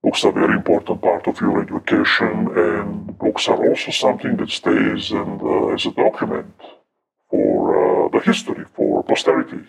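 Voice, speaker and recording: Disguised deep-voiced man from Eastern Europe. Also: big pitch swings, moderate pace, vocal fry, slight background noise, rough recording. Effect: voice electronically altered into a deep disguise to hide identity. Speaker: interview guest, cinematographer. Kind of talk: interview conversation.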